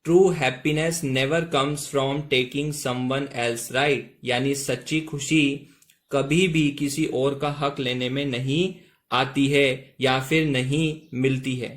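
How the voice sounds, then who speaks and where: A man teaches English reading in Hindi. He reads each English sentence very slowly, then explains it word by word. His voice sits a little high and his delivery is unhurried. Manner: repeats "ठीक है दोस्तों", reads English lines very slowly.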